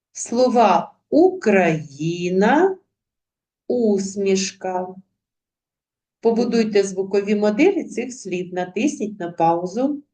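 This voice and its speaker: A woman teacher giving a recorded lesson, speaking deliberately and spelling out word sounds one by one. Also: mid-range voice, dark tone. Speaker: primary school teacher.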